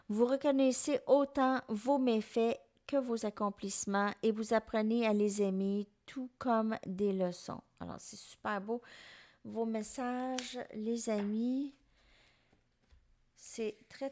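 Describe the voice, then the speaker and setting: Slow-talking Québécois woman tarot reader. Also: on the high side, steady tone, darkish tone. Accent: Québécois French. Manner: unhurried, musing, talks to viewers directly. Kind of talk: tarot reading for viewers.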